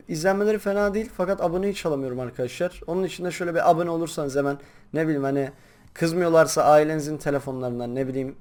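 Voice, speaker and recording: A young man chatting casually while playing a game, rambling to his viewers and breaking into loud excited shouts. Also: fairly high pitch. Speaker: gaming YouTuber. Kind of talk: casual gameplay commentary.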